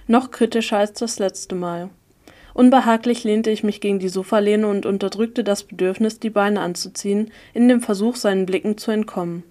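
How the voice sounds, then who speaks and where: A woman narrating a novel in the first person at a calm, even reading pace. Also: mid-range voice. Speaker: audiobook reader.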